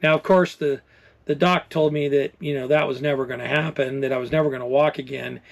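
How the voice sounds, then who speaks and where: A man's voice: medium pitch, steady tone, brisk, gravelly. A man in his fifties candidly telling a personal recovery story to camera as an RV vlogger, determined and plainspoken with many fillers. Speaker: RV travel vlogger.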